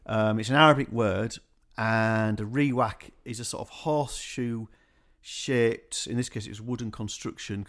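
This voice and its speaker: A man, a guest in a radio interview, talks about his music organisation, relaxed and rambling with many fillers. His voice sits on the low side.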